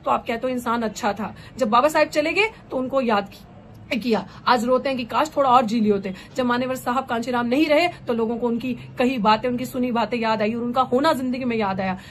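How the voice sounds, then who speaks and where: A woman's voice: a little high, slight background noise. A young adult woman, a political candidate and activist, giving an impassioned, rousing speech, slipping English phrases into her talk. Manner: fervent, rousing, mixes English phrases into Hindi.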